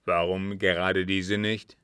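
A man's voice: sits low, little pitch movement, slow, fairly bright tone, clear, resonant tone, no room sound, studio quality. A man voicing a cunning disguised agent who feigns innocence with emphatic protests, in an audiobook reading. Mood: persuasive.

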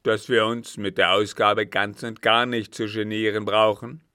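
A man doing a loud, grim scheming captain. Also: fairly low pitch, flat delivery, a little slow, clean tone, dry recording, clean studio sound. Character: gruff scheming male captain, quick to rage. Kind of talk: audiobook character voice.

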